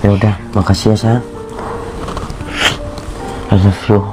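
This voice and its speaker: A man's voice: lowish voice, little pitch movement, a little slow, lightly acted. Guy playing a sick husband, weak and sorry sounding, music going behind him. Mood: weak, apologetic. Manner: weak, pained, apologetic. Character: sick, ashamed young husband, gentle toward wife. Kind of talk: short film acting. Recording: background music under the dialogue.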